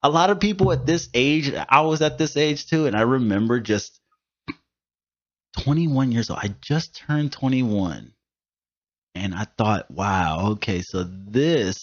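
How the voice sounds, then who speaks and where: A man's voice: lowish voice, unhurried. A man in his thirties hosting a podcast, telling stories in casual, profane, emphatic chat. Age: 30s. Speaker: podcast host. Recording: dull lo-fi studio recording.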